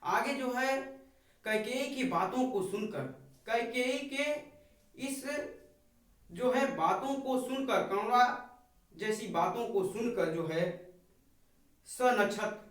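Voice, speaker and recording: A man's voice: extremely high pitch, takes it slowly, pauses often, a bit bright. A man teaching a poetry lesson. He recites lines of verse and then paraphrases them in plain words. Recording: very echoey room, voice far from mic.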